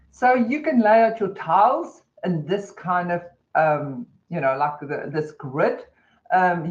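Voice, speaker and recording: A woman with a New Zealand accent presents a teaching webinar in a chatty, conversational way, with many fillers. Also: fairly low pitch. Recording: dull lo-fi webinar audio.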